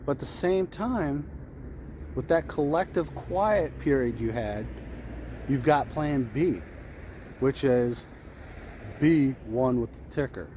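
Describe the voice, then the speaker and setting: This trading coach speaks at a medium pitch, slowly and expressively, pausing often, with a dark tone and a faint hiss or hum on the recording. He's a day trader outdoors in the heat, giving informal tips, voicing traders' thoughts and repeating phrases for emphasis.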